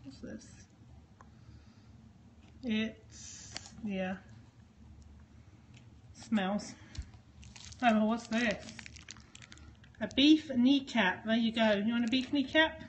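This dog owner's voice sits on the high side, with drawn-out words and frequent pauses over slight background noise. She coaxes her dogs in a sing-song manner while unboxing a parcel at home on camera.

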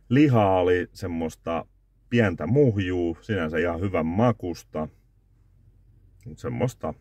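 Speaking into a phone camera on the dashboard of a parked car, a man with a very low, darkish voice rambles through a casual food review vlog. He keeps correcting himself and scores the dishes out of five, and the sound is dry and close with no echo.

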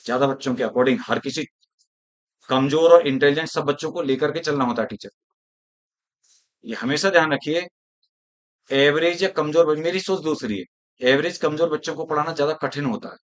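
A male teacher lecturing his class, his voice sitting a little on the high side. He talks rhetorically and keeps asking the students whether they are following him. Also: normal speed, pauses often.

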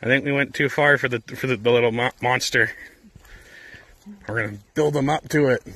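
A man in his thirties chats and jokes on a casual family hike along a forest trail, filming with a handheld camera. The vlogger's mid-range voice is fairly quick, bright and forceful, with no room sound.

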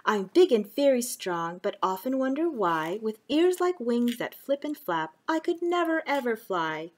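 A middle-aged woman hosting a children's puppet story time, reading a picture book in simple, clear phrases. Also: on the high side, big pitch swings, a little slow.

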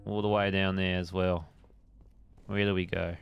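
A man's voice: low-pitched, flat delivery, moderate pace, creaky, smooth, lo-fi sound. A young adult man, chatting casually on a gaming live stream, rambling laid-back and swearing at the game.

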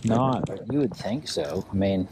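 A man's voice: low voice, measured pace. A middle-aged man talking casually on a fishing vlog from a small boat on a lake, recorded on a mounted action camera. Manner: relaxed, plain-spoken, rambling. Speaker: fishing vlogger. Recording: outdoor wind and water noise.

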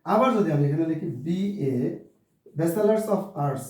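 A man teaches a beginners' English lesson in a slightly high, mellow voice. He spells words out letter by letter and asks questions that he answers himself. He is far from the microphone, in a strongly echoing room. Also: lively intonation, unhurried. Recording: distant mic in a very echoey room.

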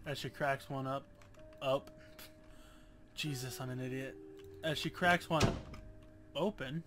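A man's voice: mid-range voice, slow, very noisy. A young man casually commenting on a game he plays, sarcastic and jokey, with a lot of swearing. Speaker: gamer. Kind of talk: casual let's-play commentary.

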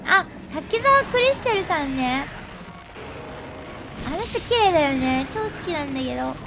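A woman's voice: sits high, big pitch swings, normal speed. A woman live-streaming a game, chatty and laughing often, a bit nasal from a cold. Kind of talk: casual live-stream commentary. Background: game music.

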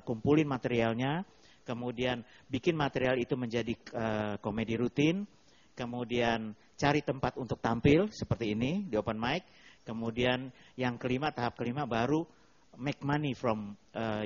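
A man's voice: mid-range voice, normal speed. A man hosting a TV comedy show, explaining patiently in a casual way and mixing in English phrases, speaking into a handheld mic. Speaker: host and comedy mentor. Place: TV studio with live audience. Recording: dull lo-fi TV broadcast.

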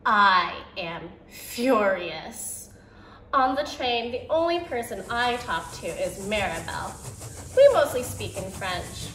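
A young woman who teaches preschool reads a picture book aloud to children in an indoor room beside a brick fireplace, giving the quoted lines expression. She speaks slowly at medium pitch, expressive and a bit bright. The audio is poor and reverberant, with slight background noise.

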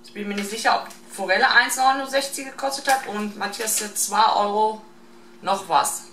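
Casting: middle-aged woman, casual haul vlogger with halting item-by-item delivery, picked up from a distance in an echoey kitchen. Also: mid-range voice. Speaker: vlogger showing a shopping haul. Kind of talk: casual unscripted haul commentary. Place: home kitchen, indoors. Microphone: camera mic at a short distance. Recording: roomy, distant camera mic with clear noise.

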